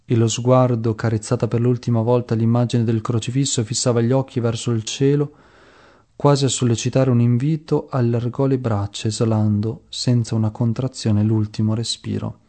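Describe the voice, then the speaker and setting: A man reading the life of a saint aloud in a slow, measured and reverent way. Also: mid-range voice, little pitch movement, warm tone. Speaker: devotional reader.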